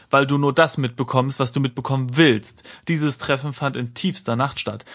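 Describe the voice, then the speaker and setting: A man's voice: medium pitch, fairly bright tone. A man reading a text adventure's story and dialogue aloud for a friend, with occasional slips and self-corrections. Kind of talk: reading game text aloud with casual asides.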